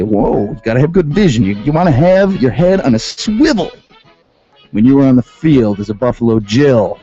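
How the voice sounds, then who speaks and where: A man's voice: medium pitch, dark tone, breathy edge. A male radio host in comedic commentary, reading rules aloud and mocking them sarcastically. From Western New York. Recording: dull lo-fi sound with faint music.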